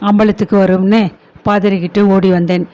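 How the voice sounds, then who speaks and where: A blunt, angry male relative who scolds the household, read by a man. The voice runs high and flat, through a dull lo-fi recording. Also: moderate pace, lightly acted. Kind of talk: audiobook story reading.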